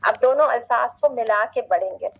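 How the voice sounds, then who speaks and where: A woman's voice: on the high side, gravelly, rough recording. Patient woman teaching Quran recitation. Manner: patient, repetitive, checks in often; slow, drawn-out recitation of Arabic words. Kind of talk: online class instruction.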